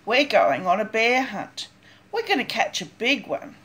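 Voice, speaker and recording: An older, grandmotherly woman reads a picture book aloud to young children. Her voice is fairly high and swings widely in pitch. She takes her time, with a sing-song lilt and dramatic emphasis on key words. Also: sing-song, measured pace, fairly bright tone. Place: small cluttered room at home, indoors.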